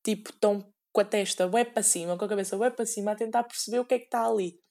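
A young woman with a European Portuguese accent hosts a casual solo podcast, rambling sarcastically and acting out quoted voices. Her mid-range voice is steady and mellow, and she talks rapid-fire.

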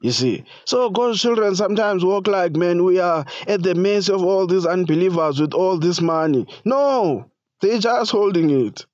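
Pastor man, casual halting sermon. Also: sits high, expressive, a little mellow, dry recording, lo-fi sound. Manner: halting, many fillers like "you know" and "you see"; casual preaching with slang.

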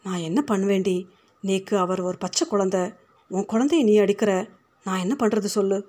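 A woman's voice: mid-range voice, steady tone, normal speed, warm tone, close to an everyday voice. Tired resigned housewife in a story, woman reading, sighing and complaining. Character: weary middle-aged housewife, resigned.

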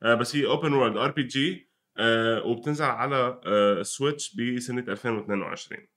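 A man's voice: medium pitch, fast, a bit bright. A young man with a Lebanese Arabic accent chatting casually about gaming, mixing in English gaming terms. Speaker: gaming commentator and guest. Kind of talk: casual conversational gaming news chat.

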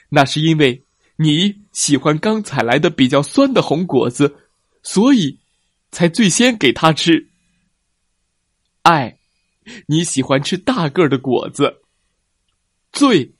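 A man's voice: fairly high pitch, sing-song, measured pace, pauses often, breathy edge, dry recording, studio quality, full character voice. A man voicing a big father tyrannosaurus in a children's story, scolding earnestly but with care.

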